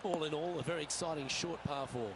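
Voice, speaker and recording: A man's voice: fairly high pitch, brisk, natural voice. Guy doing golf commentator for a video game, upbeat but composed, outdoor ambience pretty noticeable. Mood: measured, engaged. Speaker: golf commentator, lead announcer. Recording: outdoor ambience noise behind voice.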